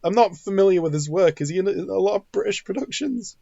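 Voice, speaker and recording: A man's voice: sits high, animated, fast talker, vocal fry, mellow, no room sound, muffled recording. A man co-hosting a podcast in casual chat, rambling and restarting his sentences often. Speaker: podcast co-host.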